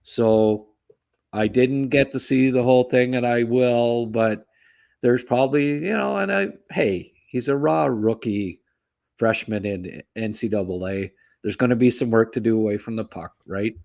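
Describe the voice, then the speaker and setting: On a sports podcast, a male co-host breaks down hockey casually, chatting away, ending remarks with "eh" and chuckling at his asides. He speaks unhurriedly at medium pitch, with vocal fry and a darkish tone.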